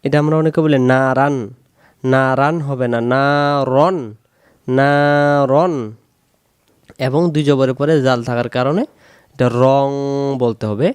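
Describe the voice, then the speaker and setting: A man teaching Quran recitation, slowly repeating syllables to drill pronunciation. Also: mid-range voice, steady tone, darkish tone, smooth, dry recording, clean studio sound. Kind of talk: recitation lesson.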